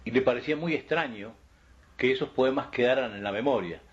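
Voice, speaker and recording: A man telling a personal anecdote in an interview, unhurried and reminiscing. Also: mid-range voice. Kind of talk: anecdotal storytelling. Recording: dull archive recording with faint hiss.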